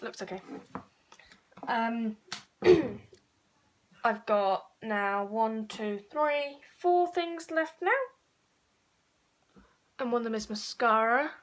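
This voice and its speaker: A woman's voice: a little high, takes it slowly, pauses often. Chatty woman, makeup tutorial. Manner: chatty, rambling, self-correcting. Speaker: beauty vlogger.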